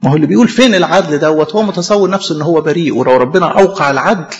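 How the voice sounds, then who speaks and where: A man's voice: on the high side, racing. A man with an Egyptian Arabic accent preaching a sermon, emphatic, asking rhetorical questions and answering them himself. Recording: echoey hall, dull lo-fi sound.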